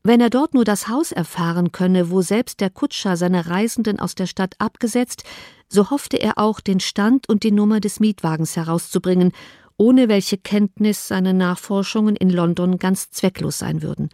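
A woman narrating a classic novel in a calm, even storytelling manner. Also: mid-range voice, moderate pace, no room sound, studio quality. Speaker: audiobook narrator. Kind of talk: scripted literary narration.

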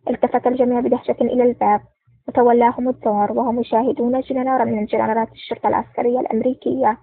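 A woman narrating a spy thriller audiobook in a quick, even reading, on a dry, tinny line. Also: on the high side, gravelly, breathy edge, dry recording. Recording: dry, tinny phone-like sound.

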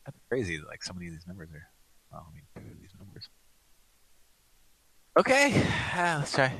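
Deep-voiced joking man hosting a live show. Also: huge pitch swings, normal speed, creaky, fairly bright tone, slight background noise, rough recording. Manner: sarcastic, joking, rambling asides. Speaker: host. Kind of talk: live call-in show chat.

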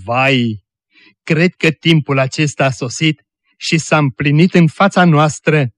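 A man reading the part of a despairing brother-in-law who speaks slowly in a fading, dejected voice. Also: on the high side, no echo, clean studio sound, lightly acted.

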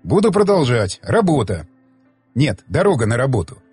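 A man's voice: mid-range voice, sing-song, moderate pace, darkish tone, slightly rough, no room sound, soft background music. A male audiobook reader voicing a blunt, mocking male companion who lectures like a patient mentor. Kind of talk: audiobook dialogue reading.

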